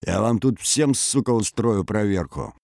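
A man's voice: fairly low pitch, a little slow, vocal fry, dry recording, clean studio sound, pitched above the performer's own voice. Drunk raging army major, a man's put-on voice. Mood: menacing. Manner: growling, shouting and hissing. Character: drunk, furious male army major, threatening.

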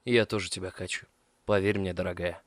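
A man voicing a confident, commanding male lover who speaks firmly and a little loudly. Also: sits low, steady tone, a little fast, no echo, natural voice.

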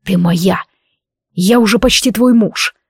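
A possessive male warrior lover who growls his words low and commanding, as a woman reads him in a fantasy audiobook. The sound is dry and close, with no room around it. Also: moderate pace, a little mellow, husky, no echo. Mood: growling possessive.

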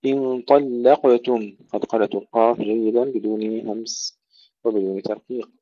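A man teaching tajweed. He recites words slowly and carefully, then explains each rule in a plain voice. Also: fairly low pitch, little pitch movement, mellow, no echo. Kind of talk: tajweed lesson with slow demonstrative recitation. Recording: dull, dry close recording.

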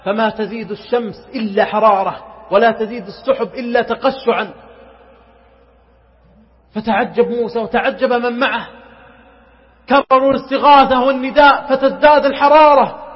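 A man's voice: very high voice, steady tone, normal speed, pauses often, breathy edge. A man preaching an emotional sermon, telling a story dramatically and pleading with passion, sometimes chanting verses melodically, on a muffled recording. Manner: dramatic, rises to impassioned pleading. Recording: muffled recording with long hall reverb.

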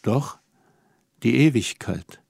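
A man's voice: mid-range voice, lively intonation, creaky, a little mellow, breathy edge, dry recording, studio quality, full character voice. A man reading as a wise, melancholy young woman. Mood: earnest. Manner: measured, reflective, slow emphatic pauses. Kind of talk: audiobook reading.

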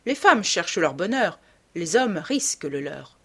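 A languid, cynical aristocrat trading epigrams, read by a woman narrator. The delivery is dry and ironic, yet the pitch moves with lively turns. Audiobook character reading in a storyteller's register. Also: measured pace, breathy edge, heavily acted.

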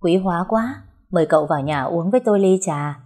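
A man's voice: high-pitched, fairly quick. A woman voicing an older rural official who greets his guest with effusive courtesy. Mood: courteous. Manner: effusive, flattering.

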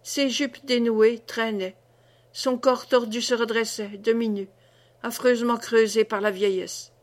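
A woman reading a classic novel aloud as an audiobook, with dramatic, measured narration. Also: on the high side, steady tone. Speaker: audiobook reader. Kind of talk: scripted narration.

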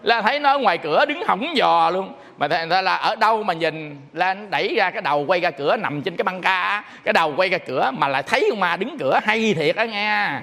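Man, Buddhist monk, high voice, animated storytelling sermon, long reverb. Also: fast talker, creaky, few pauses. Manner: animated storyteller acting out phone calls.

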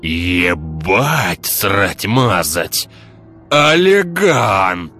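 A man voicing a hoarse, scarred, one-eyed male thug in an audiobook, coarse and swearing. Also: deep voice, a bit bright, faint music behind. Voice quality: hoarse, barely human rasp. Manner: coarse, swearing, slow and heavy. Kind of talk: audiobook character voice.

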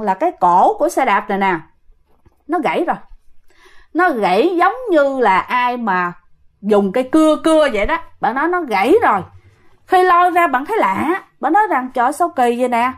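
A woman's voice: high voice, sing-song, normal speed. A young woman casually retelling a listener's ghost story, chatty, slipping into the voices of the people in it.

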